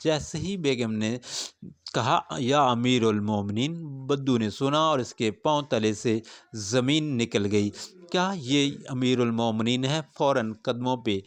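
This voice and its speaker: A man retelling a religious story as a sermon, with dramatic exclamations and rising fervor. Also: mid-range voice.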